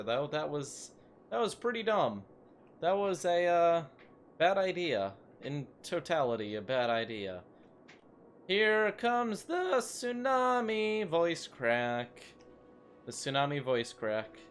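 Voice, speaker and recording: A young man casually commenting while playing a city-building game, chatty and self-mocking, rambling into asides. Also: medium pitch. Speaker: gaming YouTuber.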